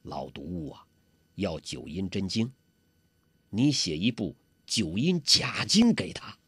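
A man doing a gruff old beggar master. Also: sing-song, a little slow, a bit bright, no room sound, full character voice. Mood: gruff, scheming. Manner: coarse, scolding, chuckling low talk. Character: old male beggar martial arts master, gruff and mischievous.

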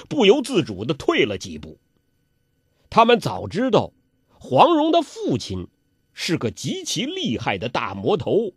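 Male storyteller, traditional style: slow, very animated, dramatic. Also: mid-range voice, breathy edge, no echo, studio quality. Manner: dramatic, swings between loud exclamations and hushed asides.

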